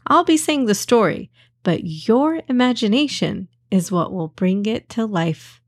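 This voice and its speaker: A woman narrates a children's story with clear, expressive delivery. She speaks slowly, and the recording is dry and close. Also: on the high side, dry recording.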